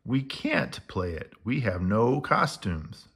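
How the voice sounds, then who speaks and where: A man reading aloud as Boris, a bossy male friend who shouts and roars. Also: on the low side, sing-song, slow pace, husky, full character voice. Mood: explaining. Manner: loud, shouting.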